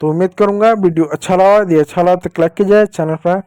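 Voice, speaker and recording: A male teacher talks fast in a high, mellow, clean voice with fairly even intonation and no echo. Giving an online lesson to young children, he drills each point patiently, answers his own questions, and writes with a digital pen throughout.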